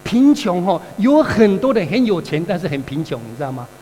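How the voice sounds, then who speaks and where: A pastor preaching a sermon, telling the story vividly and calling out to the congregation for answers. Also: male voice, high voice, brisk. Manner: animated storytelling, calls for congregation responses. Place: church hall. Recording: reverberant hall with mains hum.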